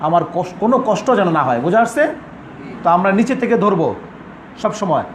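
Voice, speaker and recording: A man's voice: high-pitched, very animated, fairly quick. A man teaching a Quran pronunciation class, drilling syllables over and over and asking whether the students follow. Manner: drills sounds, repeats syllables, checks understanding. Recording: echoey room with crowd noise.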